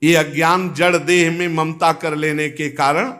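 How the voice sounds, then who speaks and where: High-voiced male preacher giving a devotional discourse. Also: little pitch movement, unhurried, sharp tone. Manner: storytelling with sudden rises and drops in pitch. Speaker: spiritual preacher.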